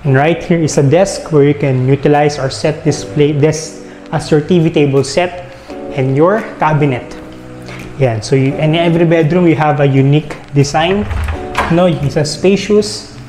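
A man with a Filipino accent narrates a property tour, strolling from room to room and ticking off fixtures with little tags like "yan" and "no". His voice sits a bit high for a man. The sound rings through large, bare rooms, with soft music playing underneath. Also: moderate pace, roomy sound, big-room sound. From Philippines. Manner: walking while narrating, listing features with frequent "yan" and "no" tags. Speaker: real estate tour guide. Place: large empty house, indoors.

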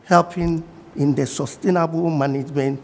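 A middle-aged man with a Ghanaian accent, a guest from the fishing industry in a TV studio interview, speaking in a measured way and repeating his key points. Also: fairly high pitch, fairly even intonation, a little mellow, long reverb tail.

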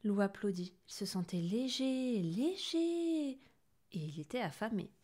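A woman narrates a children's picture book aloud with expressive, animated delivery. Her voice sits at an ordinary pitch for a woman. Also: a little fast. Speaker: storybook reader. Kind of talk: children's story reading.

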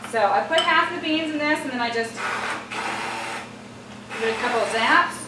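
An American woman with a high-sitting voice speaks at a moderate pace, a cooking show host and chef giving a casual demonstration at the stove of a home-style indoor kitchen. She's chatty and instructive, talking straight to viewers. The distant mic captures a roomy space full of loud kitchen noise: a sizzling pan, clattering pots and stirring.

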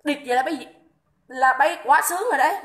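High, bright-voiced woman ranting angrily. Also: quick pace. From Vietnam. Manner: shouting insults, coarse swearing, repetitive. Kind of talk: angry livestream rant.

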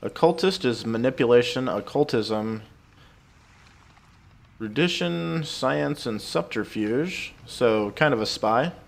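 A man giving casual game commentary, relaxed and thinking aloud. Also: medium pitch, slow pace, gravelly. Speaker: let's play gamer.

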